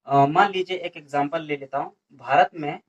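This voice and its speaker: A man's voice: fairly high pitch, normal speed, muffled recording. A man from India teaching a Hindi grammar lesson for an exam coaching class, who asks questions and answers them himself and keeps adding "okay". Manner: repeats questions and answers them, frequent "ठीक है" fillers.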